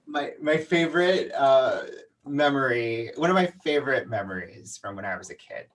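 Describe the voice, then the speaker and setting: A man's voice: mid-range voice, expressive, moderate pace, far from the mic. A man in his thirties from the El Paso and Juarez border region, telling a childhood story in a casual interview, rambling with many fillers. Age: 30s. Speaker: guest.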